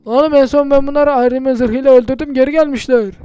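A man's voice: very high voice, fairly even intonation, fast, warm tone, clean tone, dry recording, lo-fi sound. A man doing casual, chatty gameplay commentary for his channel, muttering to himself and swearing often. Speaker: gaming YouTuber.

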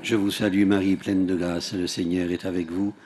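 Prayer leader, male, low register, measured steady recitation, open-air lectern mic. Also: slight background noise. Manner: steady, measured recitation with falling line ends. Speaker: prayer leader at an outdoor rosary. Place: outdoors at a large rock grotto.

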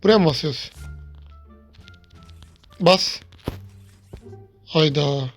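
Excitable man narrating his gameplay. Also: fairly high pitch, extremely slow, faint music behind. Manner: excitable, chatty, talks to viewers, yells when startled. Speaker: gaming YouTuber. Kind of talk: let's-play commentary.

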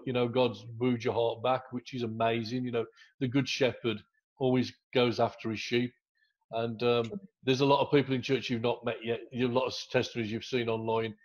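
A man's voice: medium pitch, highs cut off. A middle-aged man, a pastor hosting a church interview over a video call with an earphone headset, affirming and encouraging. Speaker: pastor and host. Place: room at home, indoors.

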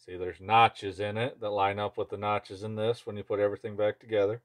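A man with a lowish voice and little pitch movement talks briskly while working at an indoor workshop bench. He's a chainsaw mechanic and video host giving a relaxed, hands-on demo in short, offhand phrases, captured on a clear recording with background noise and tool clicks.

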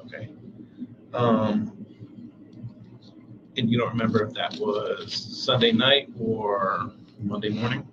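A middle-aged man questioning a suspect in a small police interview room, slow, calm and measured. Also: on the low side. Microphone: room camera from across the room. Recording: dull room audio with steady hiss.

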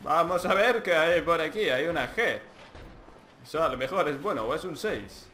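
A man with a Spain Spanish accent giving excitable gameplay commentary, swearing often and talking to himself. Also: on the high side, moderate pace, slight background noise. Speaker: let's play host.

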